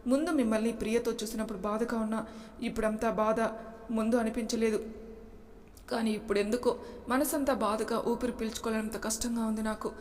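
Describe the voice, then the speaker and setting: Hurt young wife, quiet and withdrawn, level high voice, done by a woman narrator. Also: level tone, fairly quick, long reverb tail, natural voice.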